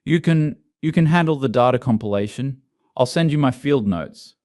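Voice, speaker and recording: A man's voice: mid-range voice, lively intonation, moderate pace, darkish tone, natural voice. A man voicing a self-assured young female student who talks in an earnest, lecturing way.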